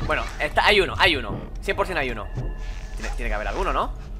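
A young man from Spain streaming a horror game, who swings from low muttering to panicked shouting. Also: big pitch swings, fast talker, over music. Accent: Spain Spanish. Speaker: gaming streamer. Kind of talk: live gameplay commentary.

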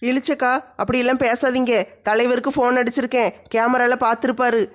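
A man voicing a calm middle-aged village head who questions villagers steadily in a cartoon. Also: very high voice, a little fast. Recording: dull lo-fi sound.

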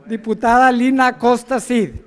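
A man's voice: very high-pitched, flat delivery, unhurried, in a large hall. A man in his thirties with a northern Mexican accent, reading formally at a podium microphone in a legislative chamber while fighting back laughter. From Sonora, Mexico. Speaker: state legislator. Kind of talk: formal speech reading out names at a lectern. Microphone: gooseneck podium microphone.

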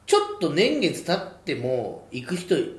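A young man whose pitch swings widely, speaking his mind and teasing his partner. He sounds a little high for a man, and the studio has a roomy echo. He is one half of a comedy duo on a casual radio talk show. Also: wildly swooping pitch, a little slow, a crowd in the background.

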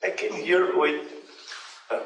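A young Brazilian man with a Portuguese-accented, halting English delivery, filling his gaps with "uh" as he restarts phrases. He speaks into a handheld mic in a large lecture hall, captured from the back of the room, so his voice comes through roomy and distant with a faint hiss underneath. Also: sits high, vocal fry. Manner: halting non-native English with frequent fillers and self-corrections. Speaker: conference presenter. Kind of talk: academic conference talk. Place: large dim lecture hall with a projection screen.

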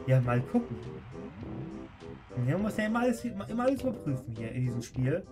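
A man's voice: fairly high pitch, sing-song, fairly quick. A man giving casual live commentary as he plays a game on stream. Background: video game music.

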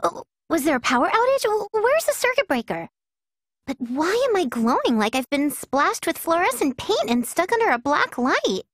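Neptune, very high-pitched bubbly anime girl. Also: big pitch swings, moderate pace, no room sound, clean studio sound. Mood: confused. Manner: breezy, slangy, dramatic. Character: bubbly, scatterbrained, cheeky anime teenage girl. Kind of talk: scripted anime game voice acting. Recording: loud music under the voice.

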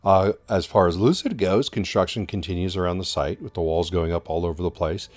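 A man narrates over drone footage for his channel. His voice sits somewhat low, and his delivery is casual and unhurried, with the odd "uh" as he goes. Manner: relaxed, plain update with filler words. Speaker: channel host.

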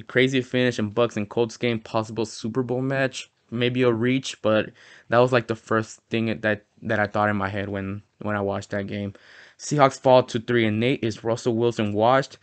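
Low-voiced young man chatting football picks. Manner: chatty, self-correcting, fan banter. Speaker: host. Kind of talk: casual sports prediction talk.

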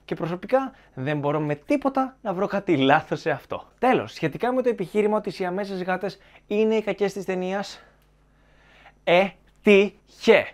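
A man's voice: sits high, expressive. A man giving opinionated film commentary to viewers, arguing his points in a sarcastic, argumentative way.

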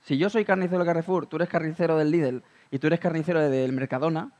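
A man's voice: a little high, steady tone, quick pace, darkish tone. A man in a reflective conversation at a talk, thoughtfully building his points with everyday examples. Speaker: guest speaker.

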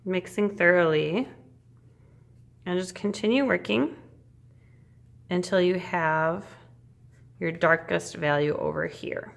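A woman art teacher giving a casual step-by-step demonstration in an encouraging, reassuring, informal way, with a creaky voice. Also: on the low side, slow, pauses often.

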